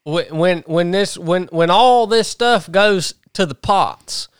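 Man, podcast host, blunt rant, high smooth voice, dry sound. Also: slow pace, dry recording. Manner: blunt, ranting, with many restarts. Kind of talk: casual chat.

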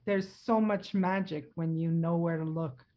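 A woman's voice: lowish voice, steady tone, measured pace, highs cut off. A woman with a French accent, a native French speaker, hosting a casual conversational interview. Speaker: podcast host.

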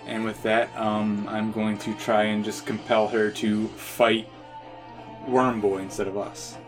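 A man's voice: on the low side, level tone, a little slow, over music. A man talking casually and a little hesitantly as a player in a tabletop game.

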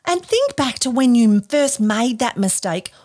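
A woman's voice: fairly high pitch, measured pace, darkish tone. An Australian woman hosting a podcast for young children, speaking in a broad, exaggerated, encouraging singsong like children's theatre.

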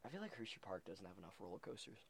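Lively, bright-voiced young man. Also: on the low side, rapid-fire, vocal fry, slightly rough. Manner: profane, laughs often, animated storytelling. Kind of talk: casual chat.

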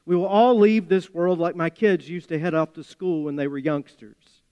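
Appalachian preacher, higher-voiced man in reverberant hall. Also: fairly even intonation, smooth, dull audio. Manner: measured, deliberate phrasing with emphatic pauses and folksy asides. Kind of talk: sermon with scripture reading and storytelling.

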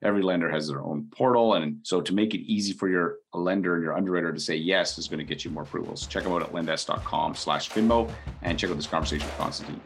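Deep-voiced guy hosting a podcast, talks fast, upbeat and chatty. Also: creaky, husky. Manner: upbeat, chatty, lots of fillers. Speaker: podcast host. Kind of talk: podcast interview. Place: British Columbia.

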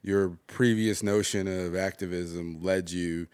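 A man with a very deep voice leads the conversation, animated and quick to jump in, repeating words as his sentences get going. The sound is dry and close, with no room around it. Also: clear, resonant tone, no room sound. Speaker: interview host. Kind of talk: casual conversational interview.

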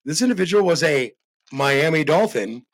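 A man co-hosting a casual football podcast who runs a trivia question, loud and joking, laughing often. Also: fairly high pitch, lively intonation, normal speed. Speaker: podcast co-host running trivia. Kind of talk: casual banter.

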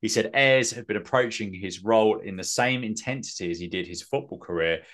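Low-voiced man recapping. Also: a little fast, a bit bright. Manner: rambling, self-mocking, many fillers. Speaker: podcast host. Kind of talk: casual recap chat.

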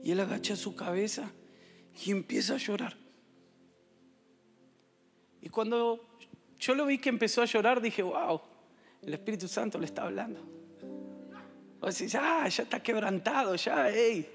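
A man with an Argentine accent, preaching a sermon as a story and acting out the dialogue with lively shifts. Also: sits high, a little slow, vocal fry, long pauses, long reverb tail, faint music behind. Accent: Argentine Spanish. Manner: animated, acts out dialogue. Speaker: pastor.

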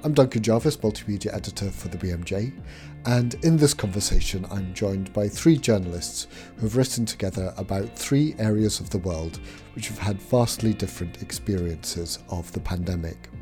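A man with a fairly low, mellow voice hosts a podcast interview. He speaks in a measured, friendly way. Faint music plays behind him. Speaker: podcast host.

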